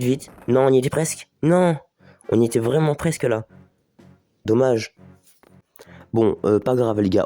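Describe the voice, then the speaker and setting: This gaming video host has a warm, mid-range voice. Nursing a slight head cold, he chats through a casual let's play, musing aloud and addressing his viewers directly as les gars.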